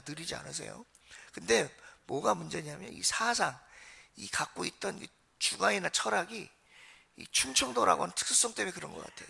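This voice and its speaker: A pastor from Seoul preaches a Sunday sermon in a church sanctuary, using a high voice with vocal fry that sounds pushed and bright, with a breathy edge. He tells stories in a chatty, conversational way and addresses the congregation directly.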